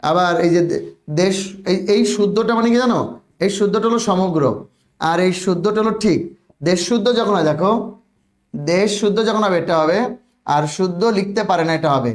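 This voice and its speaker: A man's voice: high-pitched, fairly quick, long pauses, roomy sound. A man teaching a spelling lesson online, repeating words and often checking that students follow.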